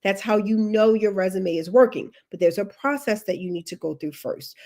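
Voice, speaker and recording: Medium in pitch and a little mellow, her voice keeps a normal speed. A career coach on a livestream with allergy sniffles, she offers advice in an emphatic way, repeats the important instructions, and chats off-topic along the way.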